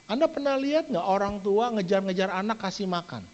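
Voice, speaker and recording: A middle-aged man preaching a lively sermon as a pastor, often turning to his listeners to address them directly. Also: high-pitched, a little fast. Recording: dull lo-fi church stream.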